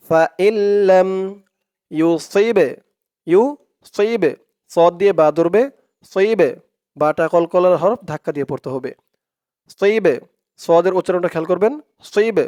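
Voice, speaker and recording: Guy teaching quran reading, highish voice, real smooth, chants words slow. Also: darkish tone. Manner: chants Arabic words slowly and drawn out, explains fast in between. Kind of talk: slow recitation drills with quick explanations.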